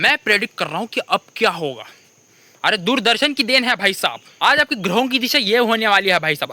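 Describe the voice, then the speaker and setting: A young man with an Indian accent doing an animated comic rant, constantly repeating the same address to the listener. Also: high-pitched. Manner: animated, keeps repeating "bhai sahab". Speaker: comedy creator.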